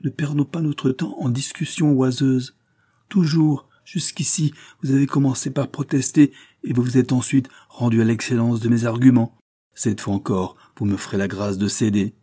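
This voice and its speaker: A man reading the lines of a cold, scheming aristocrat who threatens in a smooth, controlled way. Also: medium pitch, fairly even intonation, normal speed, mellow, voice pushed up, lightly acted. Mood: menacing.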